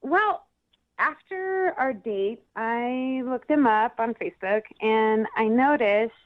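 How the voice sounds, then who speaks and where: A woman's voice: fairly high pitch, animated. Hesitant woman on a tinny phone line. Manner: hesitant, halting. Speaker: caller on a radio call. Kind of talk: phone conversation.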